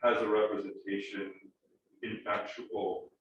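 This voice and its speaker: A man's voice: on the low side, flat delivery, unhurried, fairly bright tone, muffled recording. Man in the audience pushing the speaker with questions, far off mic, super echoey. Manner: probing, persistent questioning. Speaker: audience member asking questions. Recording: distant, very echoey room mic with faint noise.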